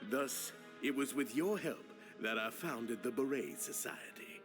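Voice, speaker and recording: A man's voice: medium pitch, unhurried, music in the background, lightly acted. A man playing an earnest, courteous society leader with a Southern US accent and a drawl.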